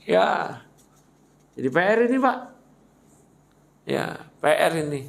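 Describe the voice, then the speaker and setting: A man gives a religious study lecture with a slightly high, gravelly voice. He talks to his listeners in a chatty, teasing way and addresses them directly, slipping Arabic recitation in among his remarks. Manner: mixes Arabic recitation into Indonesian speech. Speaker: Islamic religious teacher.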